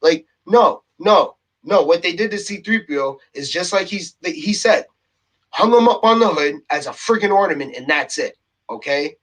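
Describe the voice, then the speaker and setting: A man's voice: high-pitched, animated, normal speed, fairly bright tone, poor audio. A man ranting on his own to camera, heated and exasperated, a little out of breath, who keeps repeating himself and tags his points with "okay?". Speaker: vlogger. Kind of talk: casual rant to camera.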